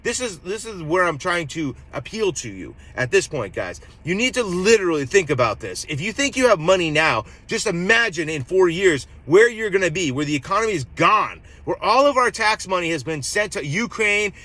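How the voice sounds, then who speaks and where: Casting: male vlogger, profane rambling rant, bright forward tone, a bit high. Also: big pitch swings, normal speed, few pauses. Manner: rambling, profane, many restarts. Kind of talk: casual political rant.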